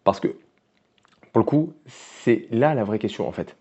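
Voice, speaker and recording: A man's voice: lowish voice, lively intonation, measured pace, a little mellow, husky, highs cut off. A man with a French accent, a weight-loss coach talking casually and directly to the viewer, often checking in with the listener. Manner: casual, addresses viewer directly with frequent "d'accord?". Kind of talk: direct-to-camera coaching talk.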